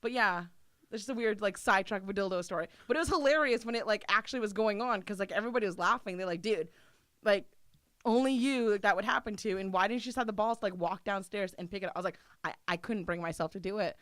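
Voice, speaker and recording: A young woman telling a funny personal story in casual chat, animated and laughing, with lots of "like". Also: mid-range voice, fast, no echo, clean studio sound. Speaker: guest.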